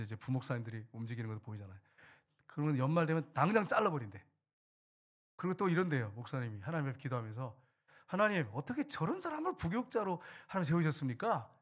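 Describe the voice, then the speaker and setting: A male pastor preaching an earnest sermon to his congregation, urging them and dropping to a hush for emphasis. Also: medium pitch.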